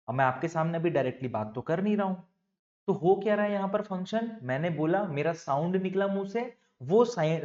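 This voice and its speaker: A man teaching a lecture to children, lively and playful, asking questions and answering them himself, recorded on a lapel mic. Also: a little high, muffled recording.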